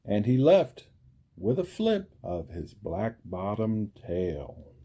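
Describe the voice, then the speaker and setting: Mellow man reading a children's story expressively. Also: fairly low pitch, huge pitch swings, slow, slightly rough. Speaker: storybook reader.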